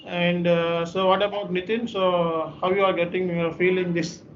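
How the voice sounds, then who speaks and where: Male trainer, Telugu Indian accent, highish even pitch, informal, checks in often, muffled online audio. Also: normal speed. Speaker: software course trainer. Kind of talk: informal talk to online students. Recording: muffled online call with background noise.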